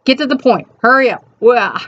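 In a small, cluttered room at home, a middle-aged woman with a high, soft voice chats reflectively to camera at a moderate pace. As host, she reads out an inspirational reflection and comments on it, wandering into rambling, conversational asides, all captured in dull, lo-fi webcam sound.

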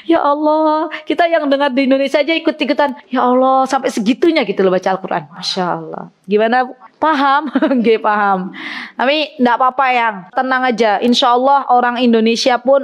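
A woman religious teacher giving a chatty study lecture to a group of women, speaking straight to them and reciting Arabic phrases. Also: on the high side.

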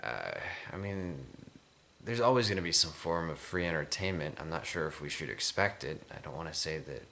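Weary, low-pitched young man rambling. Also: lively intonation, normal speed, pushed and bright, slight background noise. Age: 20s. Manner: weary, drowsy, hesitant rambling. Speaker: video blogger. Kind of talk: casual rambling chat to camera. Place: small room indoors at home.

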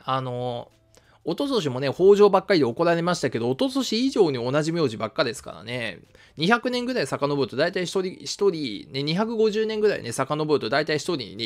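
This man from Shizuoka, Japan hosts a history channel and is live-streaming, reading viewer comments aloud. His voice is light, gravelly and fairly high for a man, and he talks in a casual, friendly, chatty way with lots of "um"s and other fillers.

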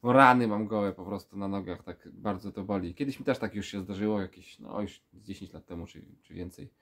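A man's voice: fairly low pitch, brisk, fairly bright tone. A man in his thirties from Poland with a stuffy, pinched-nose nasal voice, sounding under the weather as he chats casually and ramblingly for a vlog. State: sick with a stuffy nose, feeling weak. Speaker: vlogger. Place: small room with full shelves, indoors.

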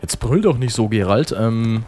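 A man's voice: on the low side, expressive, moderate pace, mellow, slight background noise. A man giving casual, joking gameplay commentary and reading game text aloud. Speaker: let's play host.

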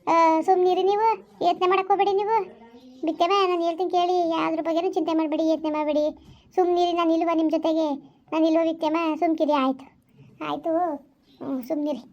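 A kindly village woman, played by a woman, coaxes and hushes a friend over and over. Her voice sits high and runs quick. The sound is dull and lo-fi, as in a village sketch drama. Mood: soothing. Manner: coaxing, repeats herself to calm someone.

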